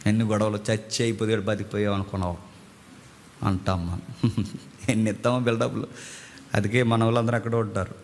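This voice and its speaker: A man preaching a sermon in an animated way, often acting out court scenes in quoted voices. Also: on the low side, brisk, pauses often, a little hiss or hum. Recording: long hall reverb.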